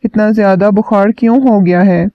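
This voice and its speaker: A man reading the lines of a gentle, teasing young husband, on a dull lo-fi recording. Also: high voice, steady tone, no room sound.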